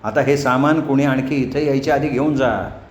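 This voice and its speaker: A stern old village grandmother who gives orders and scolds, as a man reads her lines. Her voice sits at a middling pitch and carries a roomy echo with faint noise behind it. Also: lightly acted. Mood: scolding. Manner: brisk scolding, commanding. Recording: echoey room, faint noise.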